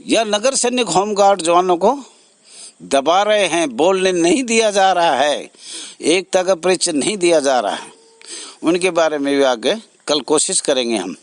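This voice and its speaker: In a dry recording, a man whose voice sits high delivers a direct address to supporters as president of an association. His manner is earnest, halting, and repetitive, with pauses between phrases.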